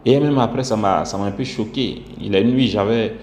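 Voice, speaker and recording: A man giving a spoken religious testimony, halting and full of fillers and restarts. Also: fairly low pitch, darkish tone. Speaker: testimony speaker. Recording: echoey room with faint background hum.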